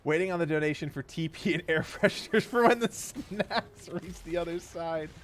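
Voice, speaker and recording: A thirty-year-old man, his fairly high voice getting rough and nasal, chats live at a normal pace while thanking his audience for donations. He rambles with gratitude and laughs often.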